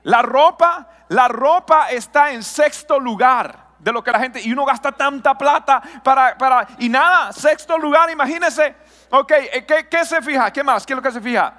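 A man preaching a lively sermon as a pastor, asking his audience questions and joking with them. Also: very high-pitched, normal speed, big-room sound. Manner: lively, talks with an audience, asks questions and jokes.

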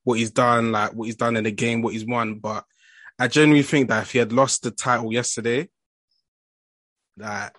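A man's voice: medium pitch, fairly even intonation, moderate pace, pauses often, a bit bright, no echo, clean studio sound. A young man with an urban London roadman accent hosting a football podcast in casual, slangy chat. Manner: slangy street talk.

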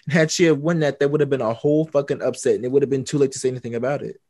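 A man co-hosting a casual chat, rambling quickly with lots of fillers and the odd swear. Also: medium pitch, fairly even intonation, a little mellow, dry recording, clean studio sound. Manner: rambling, fast, filler-heavy, swears freely. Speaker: podcast co-host.

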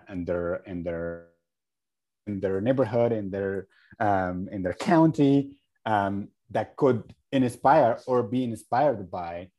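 A man from Egypt, a guest in a podcast interview, speaking in a halting way with many fillers and restarts. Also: fairly low pitch, mellow. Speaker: guest, regenerative agriculture advocate.

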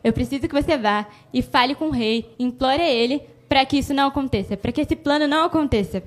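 A man's voice: very high-pitched, fast talker. A woman doing a frightened, pleading man. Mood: urgent. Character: frightened older male relative pleading for help.

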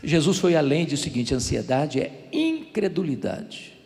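A middle-aged man from Brazil with a Brazilian Portuguese accent, preaching a sermon, telling stories with animation and building to loud, emphatic prayer. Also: on the high side, huge pitch swings, normal speed. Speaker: pastor. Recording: long hall reverb.

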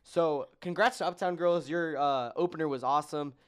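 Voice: mid-range voice, moderate pace, clean tone. A podcast host in casual chat, joking and running through long lists of results with many ums.

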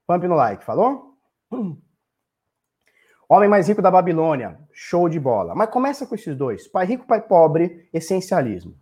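A man in his thirties with a Brazilian Portuguese accent rants bluntly to his live stream chat, swearing freely, repeating himself, and sounding a little tipsy. His voice is high with big pitch swings, dark in tone and slightly rough, and he speaks a bit slowly.

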